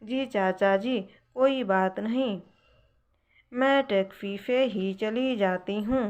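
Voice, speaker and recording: A woman voicing a polite, gentle young woman in a storybook tale. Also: mid-range voice, slow, muffled recording, natural voice. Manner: soft, polite, coaxing.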